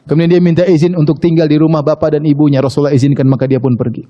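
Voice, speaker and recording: A man preaches and tells a story, acting out each quoted line with a lively swing in his voice. His voice sits high but sounds mellow and dark. It rings with the long reverb of a large hall. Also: racing, dull audio. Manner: animated storytelling, acts out quoted speech, chuckles at his own asides. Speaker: Islamic preacher. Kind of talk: sermon storytelling.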